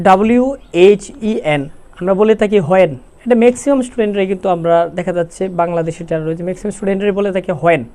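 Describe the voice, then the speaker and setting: An English pronunciation teacher gives a lesson in Bengali, spelling letters out slowly and repeating each word several times. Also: mid-range voice, mellow. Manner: spells out letters slowly, then asks and answers own questions.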